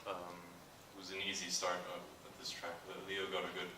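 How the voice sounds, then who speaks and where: A man, a racing driver, answering press conference questions in a modest, measured way with halting restarts. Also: low voice, completely flat delivery, reverberant, far from the mic, noisy background.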